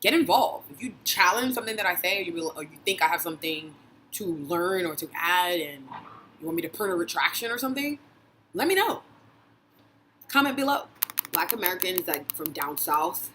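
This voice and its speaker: A woman's voice: on the low side, expressive, fairly quick, bright, forceful tone, a little hiss or hum, rough recording. A young woman from Brooklyn, giving a passionate, blunt vlog monologue with swearing and frequent laughs. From Brooklyn, New York. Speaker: vlogger and dating blogger. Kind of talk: casual opinion monologue.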